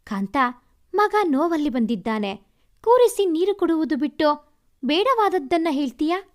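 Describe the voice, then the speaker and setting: A woman's voice: high-pitched, very animated, normal speed, a little mellow. A woman voicing a worried, stern older father who scolds his wife and vows to protect his son. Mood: scolding. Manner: gruff scolding.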